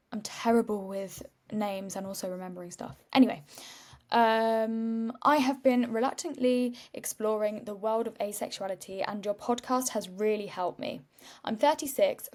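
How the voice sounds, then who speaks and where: A woman's voice: mid-range voice, a little mellow. A woman hosting a podcast, chatty and rambling, tired, laughing often. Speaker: podcast host. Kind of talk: casual chat.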